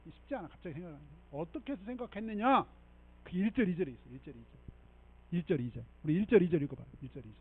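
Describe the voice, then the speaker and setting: Animated high-voiced male pastor preaching. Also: rapid-fire, breathy edge, phone-quality sound. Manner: animated preaching with frequent rhetorical 'eung?' checks; leads congregation in unison scripture reading. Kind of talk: sermon. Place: church sanctuary.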